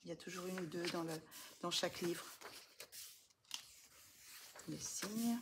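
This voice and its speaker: A woman's voice: lowish voice, a little slow, background noise. A woman chatting casually as she shows coloring books, often dropping to a near whisper and gushing over the pages. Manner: soft-spoken, often drops to a near whisper, many fillers. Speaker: coloring book vlogger. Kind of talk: casual show-and-tell chat.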